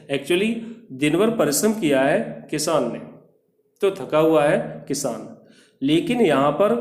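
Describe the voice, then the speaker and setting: A man explains a poem to students, reading each English line with slow deliberation before he breaks it down. His voice sits a little high, and his unhurried delivery echoes around the room. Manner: reads the English lines very slowly, then explains them. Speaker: English teacher.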